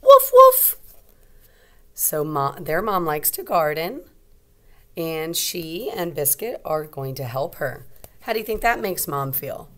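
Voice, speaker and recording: A woman teacher with a deep, expressive voice reads a storybook aloud to young children, pausing to explain things and ask simple questions.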